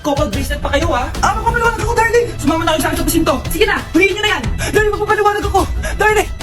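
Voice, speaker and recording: A woman's voice: very high voice, rapid-fire. A woman performing short comic skits, switching between exaggerated character voices. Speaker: sketch performer playing many parts. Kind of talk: comedic skits, acting all roles. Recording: music playing behind the voice.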